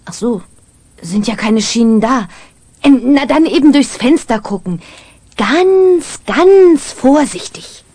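A woman voicing an eager, cheeky young girl witch in a children's radio play, husky and lively. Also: fairly high pitch, normal speed, no room sound.

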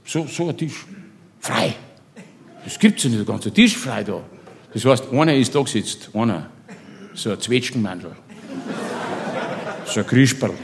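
A man's voice: medium pitch, animated, measured pace, vocal fry, long pauses. Rambling Bavarian man telling a tale. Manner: rambling, chummy, keeps asking "gell?". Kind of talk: comic storytelling monologue.

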